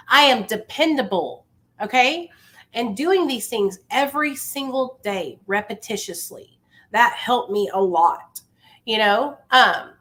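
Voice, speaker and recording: A woman's voice: mid-range voice, fairly bright tone. A woman giving impassioned, informal motivational talk to viewers, emphatic and insistent, repeating phrases to drive them home. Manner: informal, familiar address. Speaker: livestream host speaking on addiction recovery.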